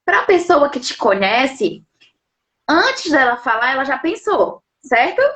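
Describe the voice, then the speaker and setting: A woman's voice: sits high, very animated, takes it slowly, fairly bright tone. A woman interpreter and lawyer explaining things patiently at home, often checking in with little tag questions. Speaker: sign language interpreter and lawyer. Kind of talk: explanatory live interview talk.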